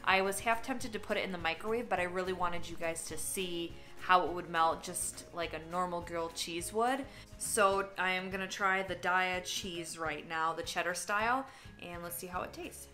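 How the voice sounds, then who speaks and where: A woman's voice: on the low side, normal speed, sharp tone, faint music behind. A woman chatting casually while tasting food for a vlog, candid and talkative, sometimes talking with her mouth full. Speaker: vlogger. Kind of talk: casual taste-test vlog.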